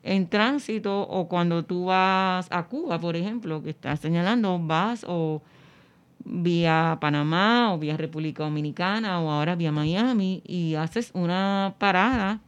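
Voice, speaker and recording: A woman explaining things in an interview, haltingly and searching for words. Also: on the low side, muffled recording.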